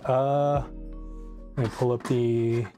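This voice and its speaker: A man's voice: medium pitch, little pitch movement, slow, dark tone, faint music behind. A young man on his first live stream, chatting casually and a bit scattered as he fiddles with his audio settings and starts a PC build at his desk. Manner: scattered and self-deprecating, thinking aloud. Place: home desk setup. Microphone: desk mic with live compressor tweaks.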